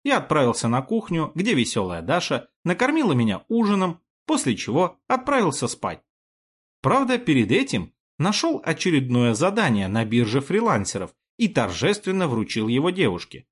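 A man with a husky, slightly raspy voice narrates a first-person audiobook. His delivery is wry and expressive, and his pitch rises and falls widely. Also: normal speed.

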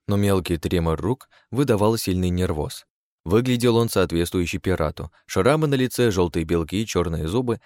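A man's voice: fairly low pitch, darkish tone, no room sound. A man narrating a first-person fantasy audiobook, with wry, sardonic asides.

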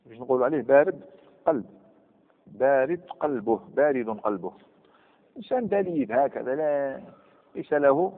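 A man's voice: mid-range voice, gravelly. A man teaching grammar in a lecture hall. He quizzes his students and repeats key words. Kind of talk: classroom lecture. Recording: phone-like sound with long hall reverb.

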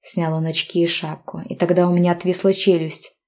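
A woman reading a first-person romance story aloud. Her storytelling is emotional and dramatic. Her voice sits fairly low. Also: little pitch movement, fairly quick, darkish tone. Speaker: narrator. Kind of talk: first-person audiobook narration.

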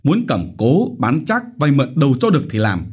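Brutal bullying village chief, shouting curses, high and loud, husky edge, voiced by a man, audiobook. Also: huge pitch swings, moderate pace. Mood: threatening.

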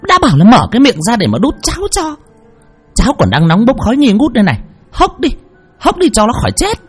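A man's voice: fairly low pitch, sing-song, gravelly, a little mellow, slightly rough, faint music behind, exaggerated voice. A man voicing a cruel, scolding middle-aged daughter-in-law in a ghost story. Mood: spiteful scolding. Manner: scolding, spiteful, rapid-fire.

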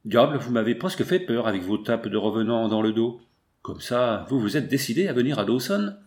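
A man's voice: mid-range voice, lively intonation, fairly quick, a little mellow, close to an everyday voice. A man voicing a coarse, middle-aged German saloon keeper who mocks boisterously, in an audiobook. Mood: mocking, brash. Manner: boisterous, mocking laughter.

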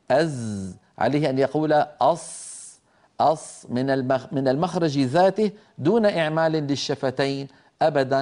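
A man's voice: a little high, darkish tone. A middle-aged man giving a recorded Quran pronunciation lesson, explaining earnestly and sounding out letters to demonstrate. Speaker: Quran recitation teacher.

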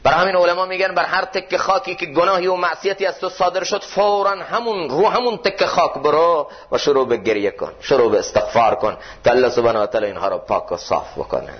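A man with a Khorasani Persian accent preaching a mosque sermon on Masnavi poetry. He chants verses slowly and swings between high, loud pleading and low, hushed tones. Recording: dull lo-fi recording.

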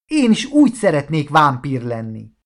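A man's voice: a little high, very animated, a bit bright, voice pushed up. A man doing a curious, outspoken young boy. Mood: thrilled. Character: curious, outspoken human boy, a vampire's friend.

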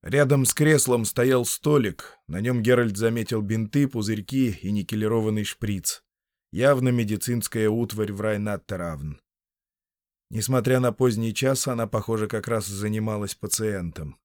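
A man narrating a fantasy novel as an audiobook, with expressive storytelling. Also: on the low side, normal speed, no room sound.

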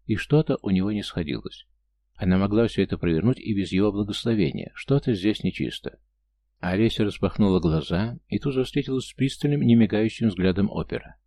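A man narrating an audiobook in a steady, measured way. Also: lowish voice, no echo.

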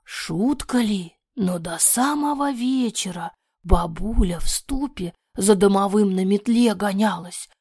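A woman narrating a fairy-tale audiobook in an expressive voice that often drops to a breathy near-whisper. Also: mid-range voice, measured pace, dry recording, studio quality.

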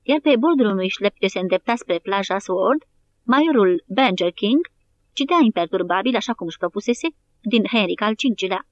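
A woman narrates an audiobook at a steady, even pace in a mid-range voice. A faint hiss sits under her reading. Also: mid-range voice, muffled recording. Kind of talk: scripted narration.

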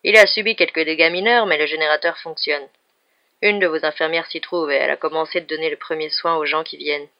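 A woman voicing a male small-town sheriff who reports the damage calmly and matter-of-factly, in a dull lo-fi recording. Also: sits low, quick pace, no room sound. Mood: reassuring.

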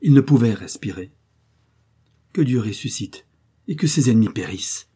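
Man, literary narration, mellow tone, husky, expressive, measured. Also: medium pitch. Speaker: audiobook narrator.

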